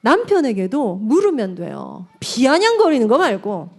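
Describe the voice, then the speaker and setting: High, animated woman lecturing. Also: normal speed. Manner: animated, addresses the audience directly, acts out quotes. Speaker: evangelist lecturing at a parent seminar. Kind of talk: lively seminar lecture.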